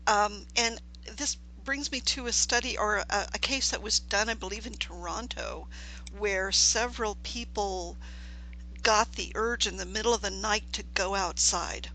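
Female talk radio host; casual live delivery, bright tone, slight hum behind. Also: medium pitch, a little slow, rough recording. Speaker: paranormal talk show host.

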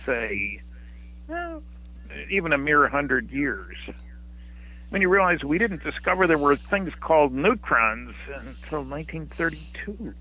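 Bright, forceful male guest on dull line. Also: on the high side, sing-song, unhurried. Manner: musing, discursive, rhetorical. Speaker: guest expert. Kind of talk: informal radio interview. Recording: dull, band-limited radio line.

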